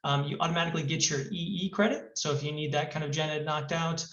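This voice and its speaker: Speaking fast in a steady, fairly bright tone that sits a little high, a man presents a study abroad webinar crowded with fillers. Picked up by a distant, muffled mic in a new, hard-echoing room, his voice comes across hollow and boxy, fishbowl-like.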